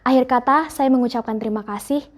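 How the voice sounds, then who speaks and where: A teenage girl speaks in a slightly high voice. She delivers a formal farewell speech for her class with a measured, earnest manner, speaking slowly and carefully as she addresses her teachers and classmates. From Indonesia. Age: teens. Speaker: student speaker.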